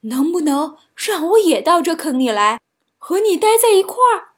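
A woman voicing a big male tiger who is gullible and quick to anger, in a children's storybook reading, speaking his lines loudly. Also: extremely high pitch, big pitch swings, pitched above the performer's own voice.

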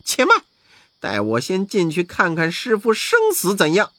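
A brash monkey king barks taunts and orders, as a male storyteller acts him out. His voice leaps high and loud with sweeping pitch. It sounds close and dry, like a storybook reading. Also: sing-song, moderate pace, dry recording. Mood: brisk. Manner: shouting, scornful.

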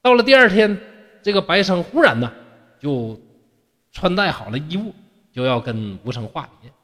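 A man's voice: on the high side, very animated, normal speed, a bit bright. A man telling a classical tale in a colloquial style, chatty, asking and answering his own rhetorical questions as he explains. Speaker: storyteller. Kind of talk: colloquial storytelling with commentary. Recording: long reverb.

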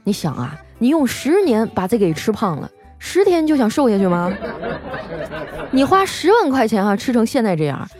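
Animated woman telling funny stories. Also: a little high, moderate pace, faint music behind, some chatter behind. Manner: chatty, teasing. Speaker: podcast host. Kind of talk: comic storytelling.

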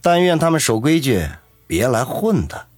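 A man's voice: medium pitch, big pitch swings, moderate pace, faint music behind, voice pushed up. A man voicing a cold, imposing middle-aged innkeeper who speaks in curt, commanding lines. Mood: calm.

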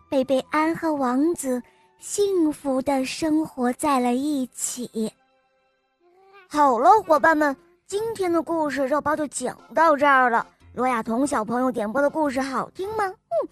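Slow, high-voiced woman storyteller. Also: dry recording. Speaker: storyteller host. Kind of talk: children's storybook reading.

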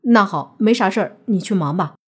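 A woman's voice: medium pitch, expressive, fairly quick, breathy edge. A woman narrator voicing a young male zombie with dry, offhand retorts in an audiobook.

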